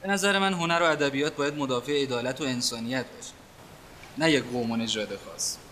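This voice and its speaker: A man's voice: medium pitch, pushed and bright, a little hiss or hum, lightly acted. An actor playing a principled man who argues in a firm, earnest, indignant way. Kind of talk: period TV drama acting.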